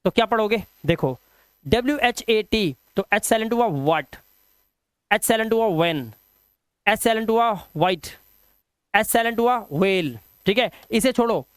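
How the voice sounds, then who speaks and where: A man drills English sounds for his students, stretching each word out slowly and patiently. His voice is smooth and resonant, and it is recorded close and dry. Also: high-pitched, no room sound. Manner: drills words slowly, asks 'ठीक है?' often. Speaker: English teacher. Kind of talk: phonics lesson.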